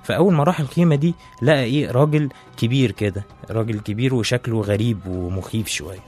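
A man's voice: mid-range voice, quick pace, a little mellow, soft background music. A man with an Egyptian accent telling a story in a chatty, casual way, with restarts and asides to the listener. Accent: Egyptian Arabic.

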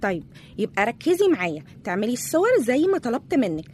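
A woman's voice: fairly high pitch, sing-song, darkish tone, a little hiss or hum. An actress playing a vain, bossy woman TV reporter who bosses her assistant, with an Egyptian accent. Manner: fussy, bossy, rapid.

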